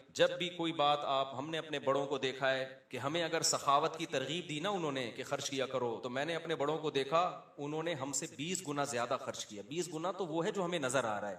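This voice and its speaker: Lively preaching man in echoey room. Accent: Pakistani Urdu. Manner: lively, swings between loud emphasis and low asides, acts out quoted speech. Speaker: Islamic preacher. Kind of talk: sermon.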